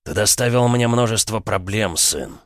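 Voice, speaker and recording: A man's voice: lowish voice, normal speed, no room sound, studio quality, voice pushed up, natural voice. A man voicing a stern, cold prince. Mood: cold, scolding. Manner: curt, commanding, menacing calm. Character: stern, cold older male prince, a father.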